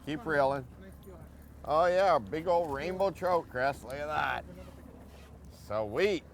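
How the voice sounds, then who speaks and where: A man's voice: on the high side, slow pace. A middle-aged Canadian man giving casual, easygoing fishing commentary, encouraging in short folksy phrases. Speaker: fishing show host. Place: outdoors on a fishing boat on a lake. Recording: boat engine and outdoor noise.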